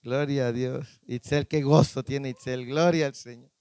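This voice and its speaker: A man's voice: medium pitch, fairly even intonation, unhurried, darkish tone, clean tone, dry recording. A man preaching a sermon as pastor, often quizzing the congregation with short questions. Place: church.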